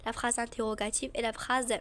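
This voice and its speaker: A woman's voice: a little high, level tone, a bit bright. Moroccan woman teaching French grammar. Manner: switches between French and Moroccan Arabic, repeats terms slowly. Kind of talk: explaining a grammar lesson.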